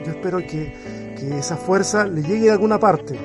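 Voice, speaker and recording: A podcast host with a high-pitched voice speaks at a moderate pace in an interview, reflective and encouraging as he tells a Bible story. Light guitar music plays behind him.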